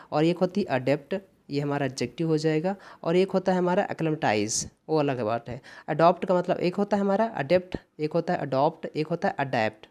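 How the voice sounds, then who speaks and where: A man's voice: fairly high pitch, a little mellow. A man teaching an exam-prep lesson, explaining answers, asking and answering his own questions and spelling words out letter by letter. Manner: mixes English terms into explanations in another language. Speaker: English exam tutor.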